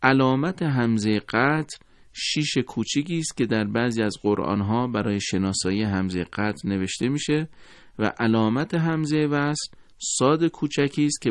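A man teaching a recorded lesson on Quran recitation, speaking in a formal, courteous and measured way. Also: fairly low pitch, dry recording, clean studio sound.

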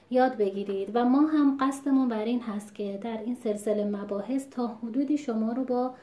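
A woman teaching Quran recitation in a measured, patient lesson, stopping to sound out words as examples. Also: on the high side, dark tone. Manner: measured, patient, demonstrates pronunciations aloud. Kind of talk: explanatory lesson. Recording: echoey room.

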